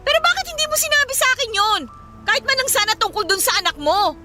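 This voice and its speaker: A woman acting in a radio drama as a tipsy, hurt and angry young woman who throws sharp, accusing retorts. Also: very high voice, lively intonation, fast talker, over music.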